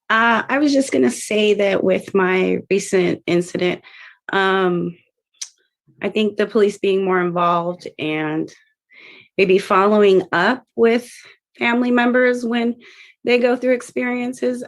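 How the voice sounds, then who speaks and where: A woman giving an earnest, hesitant public comment at a community meeting over a video call. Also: medium pitch.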